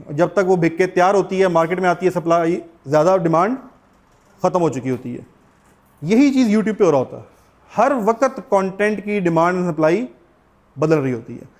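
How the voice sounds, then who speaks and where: A man's voice: high-pitched, darkish tone. A middle-aged man with a Pakistani accent teaching a class, explaining step by step and putting questions to his students. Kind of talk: classroom lecture.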